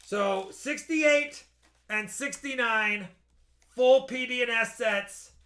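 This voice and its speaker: A man hosting a casual live-stream auction, pitching items to buyers and repeating the details as he goes. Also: slow pace, bright, forceful tone. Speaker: host selling coins by live auction.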